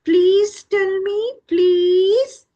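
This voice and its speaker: A woman voicing a small lost baby chick searching for its mother, in a squeaky, pleading way. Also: steady tone, very slow, warm tone, lo-fi sound, exaggerated voice.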